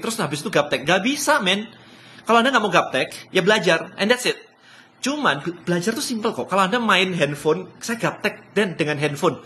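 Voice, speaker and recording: An excitable man talks in a live-stream motivational business session. His voice sits a bit high and comes out bright and forceful, and he laughs often as he talks. He drops English phrases into his casual speech. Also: slight background noise. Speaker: business speaker.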